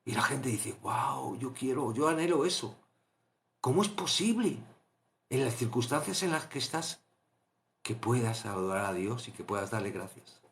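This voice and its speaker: A man teaching a Bible study, impassioned, swinging between hushed asides and loud exclamations. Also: medium pitch, moderate pace, a little hiss or hum.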